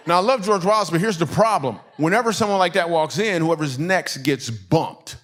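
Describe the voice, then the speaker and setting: A middle-aged man from Michigan doing stand-up storytelling, animated, acting out the voices of people in his story and laughing along with his own lines. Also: fairly high pitch. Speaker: stand-up comedian. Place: comedy stage before a live audience.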